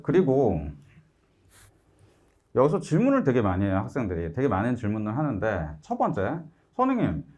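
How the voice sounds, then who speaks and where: A middle-aged man lecturing on math, with a pitch that swings widely up and down. He keeps checking in with his students and sounds direct and coaxing. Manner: lively, keeps asking "알았죠?" to check understanding; acts out students' complaints in a raised voice. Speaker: math instructor.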